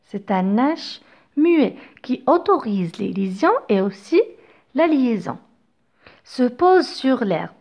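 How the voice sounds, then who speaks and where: A woman teaching a reading lesson to young children, reading slowly and articulating each word with care. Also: a little high, very animated, a little mellow, lo-fi sound. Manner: slow, careful, over-articulated reading. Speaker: French teacher.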